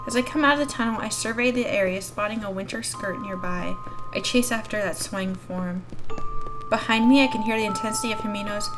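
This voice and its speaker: A woman hosting a YouTube gaming video reads a visual novel aloud, narrating the story expressively. Her voice is medium-pitched and a little fast, heard over music.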